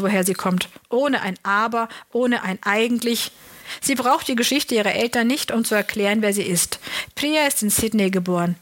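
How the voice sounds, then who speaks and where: A woman giving a calm, measured first-person audiobook narration. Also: on the high side. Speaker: audiobook reader.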